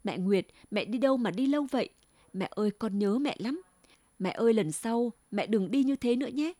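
A woman's voice: a little high, sing-song, a little slow, a little mellow, dry recording. A woman voicing a small girl who pleads tearfully with her mother in a story reading. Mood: tearful pleading. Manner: pleading, sobbing.

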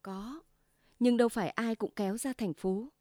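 A woman's voice: on the high side, moderate pace, a little mellow, dry recording, studio quality, natural voice. A woman voicing a hot-tempered middle-aged husband who smokes and lectures his wife, with a grumbling manner. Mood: grave.

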